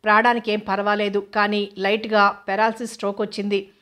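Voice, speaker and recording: A woman voicing a bold young woman who talks firmly and calmly, in a mid-pitched, narrow-ranged tone. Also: brisk, natural voice. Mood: worried. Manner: firm and composed.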